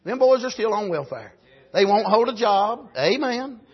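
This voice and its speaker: A man's voice: high voice, big pitch swings, normal speed, slightly rough. A middle-aged man with an Appalachian accent preaching in a folksy storytelling style, repeating and restarting phrases for emphasis. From rural United States, grew up on a farm. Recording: dull, lo-fi sermon recording.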